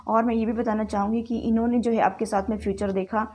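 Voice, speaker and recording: Talking fast with a flat delivery, this woman's fairly high, slightly mellow voice carries a direct-to-camera tarot reading. She has a sore throat, keeps it chatty, often says "guys" to viewers, and sprinkles English words into her Hindi.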